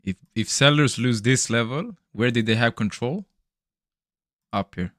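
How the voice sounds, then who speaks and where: A man's voice: medium pitch, unhurried, fairly bright tone, dry recording, studio quality. A young man doing casual live-stream commentary on his trades, chatty and loose, calling his viewers bro. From Serbian parents, raised elsewhere in Europe. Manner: loose, chatty, swears and laughs, talks to chat as bro. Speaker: livestreaming futures trader.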